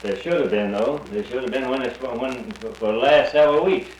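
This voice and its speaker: A man with a mid-range voice speaks a little fast on a 1941 archival recording, which is roomy with faint hiss. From North Carolina, he chats casually and bluntly about the war, often restarting what he's saying.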